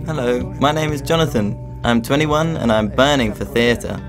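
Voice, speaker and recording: A man reading documentary voice-over translations in a calm, plain manner. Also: mid-range voice, normal speed, over music.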